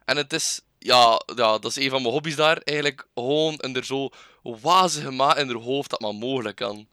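A man's voice: medium pitch, bright, forceful tone, clean tone, dry recording, clean studio sound. A young man, talking hesitantly in a casual podcast chat. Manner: hesitant, halting.

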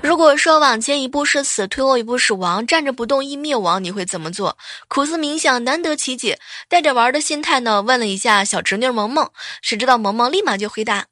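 A woman with a bright, forceful voice reels off short comic anecdotes, jumping into the voices of the people she quotes. Her voice sits a little high, and the sound is dry and close. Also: fairly quick, hardly any pauses, no echo, soft background music. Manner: lively, acts out quoted lines with big pitch jumps. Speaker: joke storyteller.

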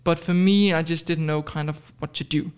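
On a podcast for a casual interview, a Danish man in his twenties speaks fairly quickly in a high-leaning voice that is a little mellow, clear and resonant. His intonation is fairly even, and he keeps restarting and filling gaps with hesitation sounds.

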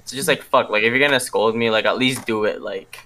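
A man's voice: medium pitch, fairly quick, sharp tone. A young adult man chatting casually in street slang, full of bro, man and swearing. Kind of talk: casual chat.

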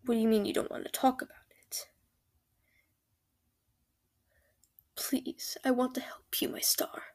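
A woman voicing a doting, protective girlfriend who comforts her sad partner in a soft whisper, in an ASMR roleplay. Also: high-pitched, little pitch movement, brisk. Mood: pleading.

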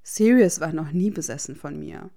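A woman's voice: sits low, moderate pace, vocal fry, dark tone. A woman voicing a cheerful, cocky teenage wizard boy with a playful, easygoing manner.

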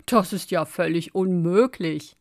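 A woman voicing a cheerful male fox who is always in a hurry, calling out in a loud, friendly way in a bedtime story. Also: on the low side, unhurried, dry recording, studio quality. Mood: teasing.

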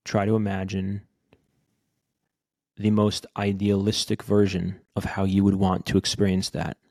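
In this meditation led by a podcast host, a man's deep, gravelly voice stays monotone, soft and slow. Long pauses follow each brief phrase, and the close, dry sound carries no echo.

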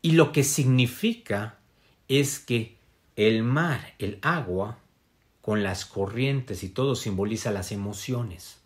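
A man's voice: on the low side, slow pace. A man giving a casual spiritual wellness talk to an audience. He speaks reflectively, with many fillers and tag questions. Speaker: motivational speaker.

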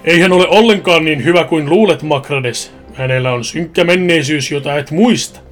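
A man voicing a cruel, mocking male devil who taunts loudly, in a spoken storybook tale with faint music behind. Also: fairly high pitch, natural voice. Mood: taunting. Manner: taunting, loud, mocking laughter.

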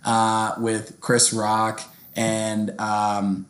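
Young male co-host, lowish voice, loose and profane, rambles with restarts. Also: monotone, drawn-out words, reverberant. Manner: swearing, joking, rambling with restarts. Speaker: podcast co-host. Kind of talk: casual chat.

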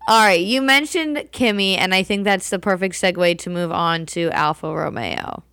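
A young woman co-hosting a casual podcast chat, talking in a brisk, matter-of-fact way and citing stats. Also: lowish voice, a bit bright, dry recording, clean studio sound. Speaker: podcast co-host.

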